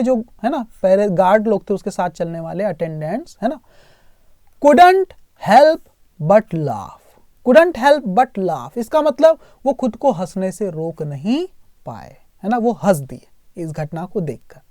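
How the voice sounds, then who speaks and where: A man's voice: very high-pitched, darkish tone, no echo, studio quality. A man teaching English, explaining a story phrase by phrase, repeating himself and often checking in with the listener. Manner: repetitive, keeps checking in with "है ना?"; translates phrase by phrase, spells words out.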